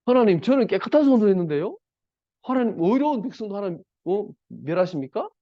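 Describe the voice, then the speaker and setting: A man's voice: big pitch swings, fast, lo-fi sound. A man preaching a sermon, voicing a king who protests his innocence to God in a raised, pleading voice. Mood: protesting. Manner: pleading, defensive, raised pitch. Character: indignant protesting male king.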